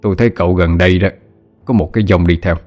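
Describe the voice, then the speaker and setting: A man voicing a grave middle-aged male village spirit medium who speaks slowly with hesitant fillers. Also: low-pitched, fairly even intonation, darkish tone, faint music behind.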